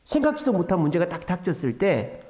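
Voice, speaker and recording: A middle-aged man preaching at a church prayer meeting. His voice sits fairly high and swings widely in pitch as he tells everyday stories and acts out what was said. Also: very animated, fast talker, a little mellow. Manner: conversational storytelling, acts out quotes. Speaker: pastor. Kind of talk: sermon.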